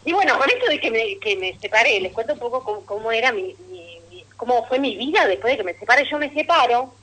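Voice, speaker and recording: A woman's voice: on the high side, lively intonation, fast talker, sharp tone, breathy edge, rough recording. A woman with a Rioplatense Argentine accent doing a stand-up monologue on radio, telling stories with chatty asides to the audience and laughing at her own punchlines. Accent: Rioplatense Argentine Spanish. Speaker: stand-up comedian.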